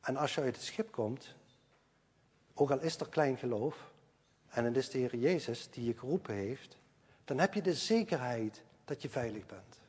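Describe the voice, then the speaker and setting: Older male preacher, husky, reverberant hall. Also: mid-range voice, lively intonation, moderate pace. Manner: earnest, repeats key phrases, swings between loud stresses and quiet asides. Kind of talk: sermon.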